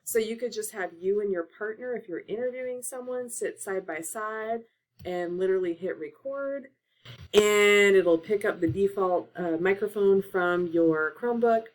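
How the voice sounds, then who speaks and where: A woman teacher-librarian giving a casual tutorial, talking through steps on her laptop with frequent fillers, recorded on the laptop microphone. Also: mid-range voice. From Oregon. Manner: casual, filler-heavy instruction. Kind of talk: screen-share tutorial.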